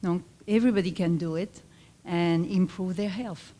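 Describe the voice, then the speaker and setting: A woman with a French accent, a fitness club owner giving a halting live event speech with many fillers and restarts. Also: on the low side, dark tone. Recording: reverberant hall.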